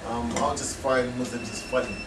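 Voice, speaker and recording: A man's voice: mid-range voice, flat delivery, normal speed. A man telling his own story in a frank, rambling way with laughing asides. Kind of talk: casual storytelling talk. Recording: echoey hall, distant mic, noisy.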